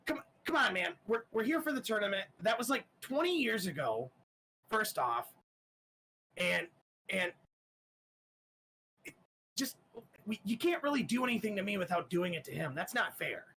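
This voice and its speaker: A man's voice: high-pitched, sing-song, moderate pace, pauses often, pushed and bright, a little hiss or hum, voice pushed up, exaggerated voice, rough recording. A man voicing a panicked male shadow spirit who protests frantically. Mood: indignant.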